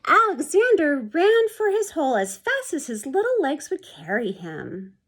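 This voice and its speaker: Her high-pitched voice swings hugely up and down as a woman reads a children's storybook with a fairly bright tone. She keeps a measured pace, acting out the text and explaining the illustrations as a teacher would.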